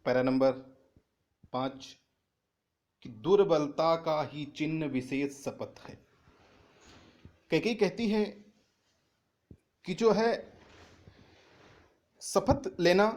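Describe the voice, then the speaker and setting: A man teaching a class, reading lines of a poem and then restating each one in simple words, his voice lifting when he stresses a point. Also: a little mellow. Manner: rises in pitch and volume on emphatic paraphrases. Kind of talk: reading and explaining a Hindi poem.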